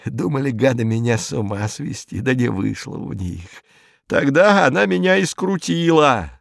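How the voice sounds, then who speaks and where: A man's voice: mid-range voice, expressive, moderate pace, gravelly, no echo, clean studio sound. Man doing a jittery, terrified gangster informer. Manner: jumpy, rambling, pleading. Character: frightened, superstitious male gangster informer.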